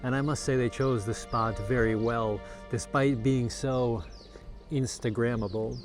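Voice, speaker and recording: Guy doing a chatty travel vlog outside in the hills, eager tour-guide vibe, mid-pitched voice. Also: fairly even intonation, measured pace, music in the background. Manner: enthusiastic tour-guide talk with fillers. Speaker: travel and real estate vlogger. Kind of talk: casual travel vlog narration. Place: outdoors in hilly countryside.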